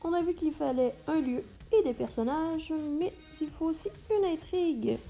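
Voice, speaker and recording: A woman's voice: sits high, moderate pace, vocal fry, dark tone, faint music behind. A woman giving an explanatory lesson as a teacher, speaking directly to the listener and stressing key words. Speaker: teacher presenting an instructional video. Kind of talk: explanatory lesson addressed to students.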